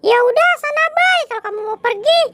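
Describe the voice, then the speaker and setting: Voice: very high voice, lively intonation, heavy background noise. A performer voicing Doraemon, a greedy, carefree robot cat in a clown skit. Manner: slow, drawling, carefree. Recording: loud music underneath.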